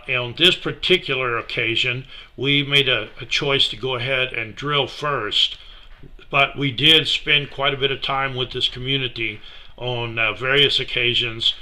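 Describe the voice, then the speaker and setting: A middle-aged man giving a relaxed, unhurried slideshow talk about a mission project, with many fillers. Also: medium pitch. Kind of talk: casual slideshow presentation.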